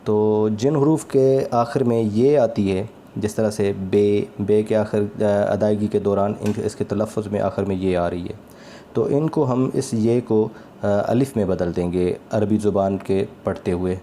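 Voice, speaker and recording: Male recitation teacher, low even voice, calm and patient, drills letters slowly with faint hiss behind. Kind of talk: slow spoken lesson on letter pronunciation.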